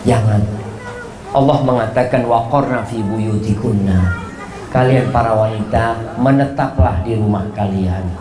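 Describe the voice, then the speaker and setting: A man preaching a lively sermon to a congregation, animated with swooping pitch and humorous asides. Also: unhurried. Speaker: Islamic preacher. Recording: echoey hall, faint room noise.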